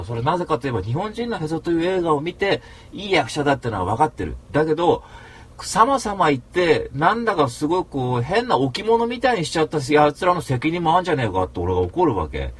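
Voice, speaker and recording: A man hosting a talk show, telling a rambling story in rough, casual speech and flaring into mock rants. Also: on the high side, very animated, fast talker, few pauses. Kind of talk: casual monologue.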